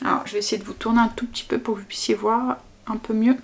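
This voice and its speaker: Chatty woman's slightly high voice. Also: steady tone, quick pace, gravelly. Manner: chatty, narrates each step with little interjections; self-correcting, trails off and restarts often. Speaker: family vlogger and mother. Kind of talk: casual makeup tutorial chat.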